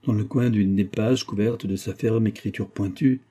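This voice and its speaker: A man reading a novel aloud in measured, literary audiobook narration. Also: on the low side, steady tone, warm tone, slightly rough.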